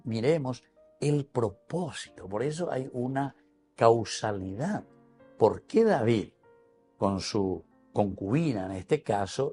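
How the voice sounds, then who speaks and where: A man's voice: fairly low pitch, darkish tone. A man with a Paraguayan Spanish accent, a priest giving a teacherly Bible reflection on television. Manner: explanatory, teacherly.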